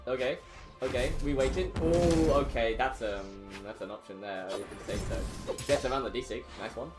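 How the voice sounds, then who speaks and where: A man's voice: mid-range voice, normal speed. Casual male fighting game announcer over music. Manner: hesitant, casual announcer, repeats and trails off mid-phrase. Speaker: esports tournament commentator. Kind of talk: fighting game play-by-play commentary.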